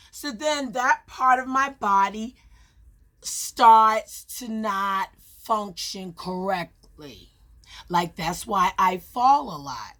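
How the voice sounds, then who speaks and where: Very slow-speaking, earnest woman vlogger. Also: on the high side, bright, forceful tone. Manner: earnest, emphatic, with long pauses between phrases. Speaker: vlogger sharing her experience. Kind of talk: personal advice monologue.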